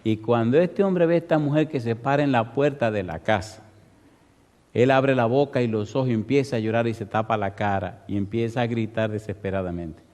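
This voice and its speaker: A man's voice: medium pitch, fairly quick, a little mellow, in a large hall. A male pastor preaching a sermon, telling a story with emphasis and firing rhetorical questions at the congregation.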